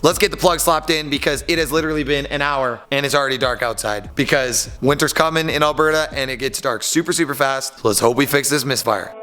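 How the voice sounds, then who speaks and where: A man talking casually in upbeat, slangy bro talk like a car vlogger, with a fairly high voice. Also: quick pace, few pauses, soft background music. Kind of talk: casual enthusiast vlog talk. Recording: loud car engine and vehicle noise.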